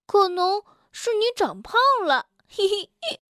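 Lady voicing a sassy little frog guy, chirpy and teasing, real high, dry close sound. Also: big pitch swings, a little slow, fairly bright tone, no room sound, heavily acted. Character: cheeky fearless male frog, teasing.

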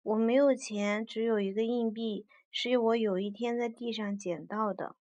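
A woman's voice: sits high, animated, normal speed, a bit bright, no echo, highs cut off, pitched above the performer's own voice. A woman voicing a small, curious boy in a children's story, asking questions in a childlike way. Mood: sad.

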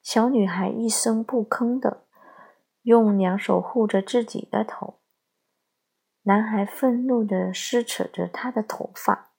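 A woman giving calm, measured scripted narration of a parenting essay. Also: mid-range voice, vocal fry, husky. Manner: slow, measured, calm storytelling.

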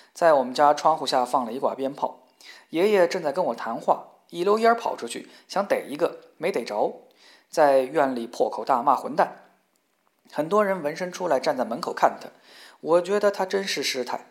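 A man reading a personal letter aloud in a measured, reflective way that grows heated when recounting arguments. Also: mid-range voice. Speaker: reader.

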